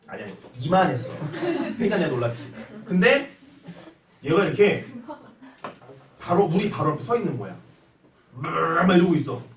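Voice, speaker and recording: A man's voice: fairly high pitch, normal speed, pauses often. A young man teaching a math class, telling a story with jokes and acted-out sounds. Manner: animated, joking, acts out sounds and quoted voices. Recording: echoey classroom, far mic, noisy.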